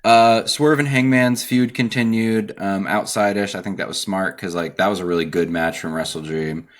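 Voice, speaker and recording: A man's voice: fairly low pitch, fairly even intonation, normal speed. A man co-hosting a podcast, talking casually, laughing often and working through his notes. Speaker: podcast co-host.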